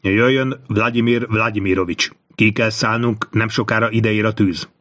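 Man doing a calm, soothing injured pilot. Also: mid-range voice, husky. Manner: calm and steady, like a therapist.

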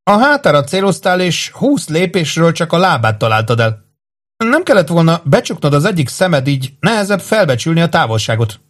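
A man voicing a tall, sharp-tongued young woman swordfighter in an audiobook, speaking coldly and scornfully. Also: on the high side, sing-song, pitched above the performer's own voice. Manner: cold, scornful.

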